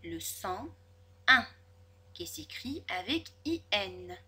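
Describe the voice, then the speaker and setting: A woman leads a spelling lesson for young children at a very unhurried pace. She sounds out every word syllable by syllable. Her voice is bright and a little breathy. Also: medium pitch, big pitch swings. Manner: slow, over-articulated, syllable by syllable. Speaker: teacher.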